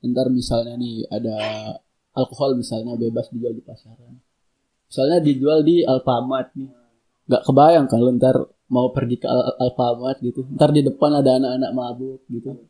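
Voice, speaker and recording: A man's voice: medium pitch, flat delivery, moderate pace, dark tone. A young man chatting casually, laid-back and slangy, often laughing. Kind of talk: casual chat. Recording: echoey room.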